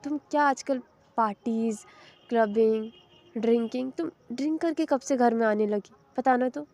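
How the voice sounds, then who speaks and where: A woman voicing a caring middle-aged mother who gently lectures her grown daughter in a soft, motherly way. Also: on the high side, moderate pace, natural voice. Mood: scolding.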